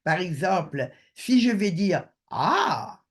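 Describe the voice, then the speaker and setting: A man's voice: sits high, big pitch swings, takes it slowly. A man giving an online lecture over a video call, hesitant with many filler sounds.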